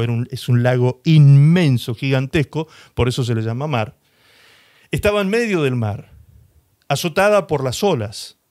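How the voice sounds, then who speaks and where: A male pastor preaching a sermon, retelling scripture dramatically and slowing down for emphasis. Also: mid-range voice. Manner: expressive preaching, slows and rises for emphasis; dramatizes scripture, voicing the people in the story.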